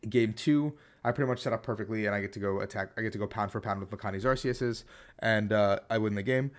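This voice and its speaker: A man with a hoarse, worn-out voice gives a casual, slangy recap of his card game tournament as a player and video creator. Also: fairly low pitch, fast talker. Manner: slangy, conversational.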